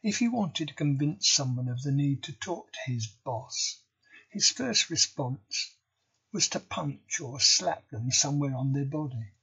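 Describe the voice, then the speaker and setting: A man reading a novel chapter aloud for English learners, slow and deliberate. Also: mid-range voice, animated, vocal fry, bright, forceful tone, husky, lo-fi sound. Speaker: audiobook reader.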